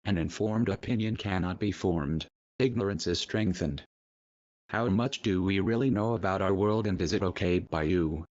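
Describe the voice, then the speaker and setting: A man reading a scripted protest message in a solemn, measured, declamatory way, his voice disguised and artificially deepened. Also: a little mellow, lo-fi sound.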